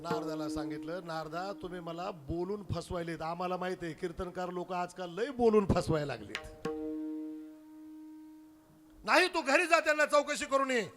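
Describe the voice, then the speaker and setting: A man with a Marathi accent preaches a devotional kirtan in a very high voice. He acts out the voices in his story, moving from hushed telling to loud sung cries. Faint harmonium and tabla play behind him. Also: expressive, normal speed, over music.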